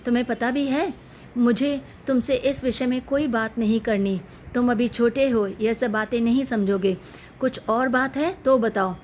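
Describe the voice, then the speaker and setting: Woman voicing young wife in a family story, firm and measured, fairly high voice. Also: fairly even intonation, slight background noise, lightly acted. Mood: irritated. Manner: measured, turning sharp. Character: young married woman, patient but firm.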